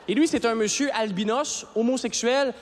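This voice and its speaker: A man in his thirties with a Québécois accent doing a stand-up routine on an arena stage, animated and breaking into shouted high bursts. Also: moderate pace. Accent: Québécois French. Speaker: stand-up comedian. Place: large arena stage with audience. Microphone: stage microphone. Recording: live arena recording with crowd laughter and faint noise.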